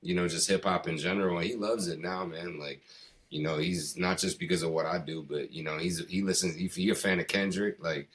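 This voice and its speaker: In this interview, an East Coast hip hop artist, middle-aged and American, talks fairly quickly in a deep voice with fairly even intonation. The conversation is casual, and his delivery rambles loosely with slang, dropping "you know" and "man" throughout.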